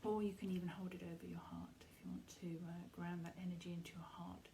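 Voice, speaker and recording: Speaking in a lowish, level voice with some vocal fry, a woman guides a meditation through gentle, reassuring instructions, pausing between phrases at an unhurried pace. The background is noisy.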